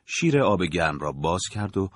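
Husky deep-voiced male narrator. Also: very animated, dry recording. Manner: measured, dramatic storytelling. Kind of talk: scripted audiobook narration.

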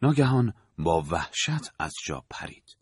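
Male audiobook narrator, very low husky voice, dry close recording. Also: sing-song, dry recording. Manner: measured, dramatic storytelling.

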